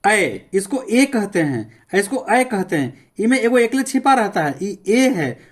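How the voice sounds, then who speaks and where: A man's voice: high-pitched, very animated. Patient man drilling sounds. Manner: repeats sounds slowly, enunciating each one as a demonstration; coaxing, keeps telling listeners to pay attention and try it aloud. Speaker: teacher. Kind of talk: classroom grammar lesson.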